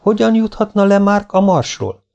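A man's voice: high voice, expressive, gravelly, a little mellow, lo-fi sound, voice pushed up. A man voicing a curious male crew pilot asking pointed questions.

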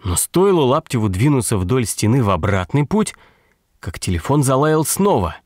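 A man narrating a story as an audiobook, in a wry, ironic tone. His voice sits at a middling pitch. The sound is dry and close, with no room around it. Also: big pitch swings, moderate pace, a little mellow, dry recording. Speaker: audiobook reader.

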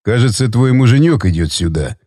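A man voicing a vengeful young male surfer in an audiobook, with a taunting, drawling delivery in a deeper voice than his narration. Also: animated, fairly quick, mellow, no room sound, clean studio sound, lightly acted. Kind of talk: audiobook character reading.

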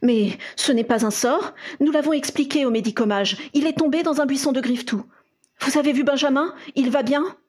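A man's voice: very high-pitched, brisk, pitched above the performer's own voice. A woman reading aloud and voicing a worried wizard father who defends himself and asks after his injured son. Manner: pleading, worried.

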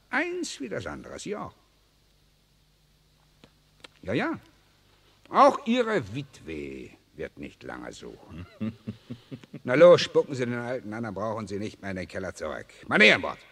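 In a reverberant old mono German radio play from the 1960s, a man acts a cruel, sadistic SS officer, sneering, taunting and barking orders. His exaggerated, highly animated voice is lowish yet fairly bright, creaky and rough with a breathy edge.

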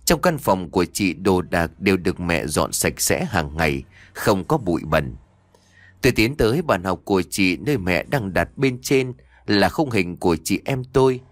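Guy reading a story aloud, low voice, rises and falls a lot. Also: big pitch swings, normal speed, no echo. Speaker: audiobook reader. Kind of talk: scripted story narration.

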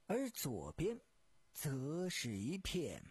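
A man tells a serialized detective story for radio, stretching his phrases and sighing along the way. His voice is somewhat high and swings widely in pitch, with a husky grain. The recording is close and dry. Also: no echo. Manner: expressive, drawn-out storyteller phrasing with sighs.

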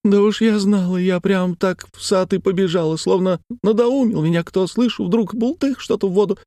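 A man voicing a tearful peasant maidservant woman who laments in a weepy, high, falsetto-like voice. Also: normal speed, dark tone, no echo, studio quality.

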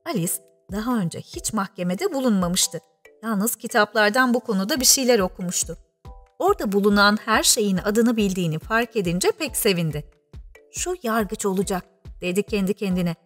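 A woman narrating an audiobook in a measured storytelling manner. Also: mid-range voice, expressive, a bit bright, soft background music. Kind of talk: scripted narration.

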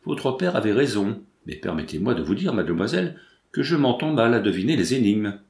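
A man voicing a polite, puzzled gentleman who answers with formal courtesy, recorded in a roomy space. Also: on the low side, very animated, fairly quick. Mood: courteous.

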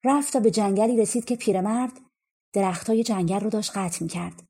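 A woman narrating a folk tale audiobook in a calm, measured storytelling manner. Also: mid-range voice, husky.

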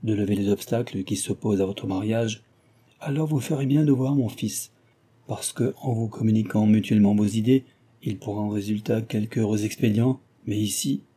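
A man's voice: on the low side, moderate pace, warm tone, husky. A man reading aloud and voicing a stern, dignified older noblewoman who argues earnestly and persuasively.

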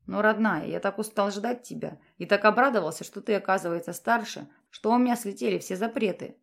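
A woman reading aloud puts on a proud male commander from a romantic fantasy audiobook. His voice sits low and quiet, gentle in affection and firm and curt when he commands. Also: a little fast, gravelly, natural voice. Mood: tender. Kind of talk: audiobook character voice.

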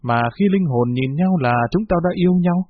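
A cocky young man who teases his friend and brags about girls, as a husky-voiced male narrator puts him on. The voice stays close to the reader's own and sounds muffled and dry. It comes from a read-aloud storybook. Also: high-pitched, normal speed, no echo, voice pushed up. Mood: teasing. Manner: boastful, mock-wise teasing.

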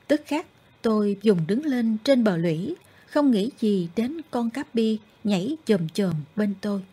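A woman reading a story aloud in a gentle, expressive way, over soft background music. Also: on the high side, slightly rough. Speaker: audiobook narrator. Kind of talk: storybook narration.

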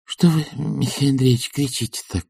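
A male reader voicing a meek landlady who scolds quietly in a husky voice. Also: medium pitch, steady tone, normal speed, no room sound, clean studio sound, voice pushed up. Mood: quiet reproach.

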